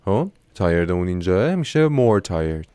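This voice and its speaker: A man teaching English online with a fairly low voice. He explains the grammar in Persian and reads each English example slowly and carefully, close to the mic in a dry room with no echo. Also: very animated, dark tone, clean tone. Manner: self-mocking aside.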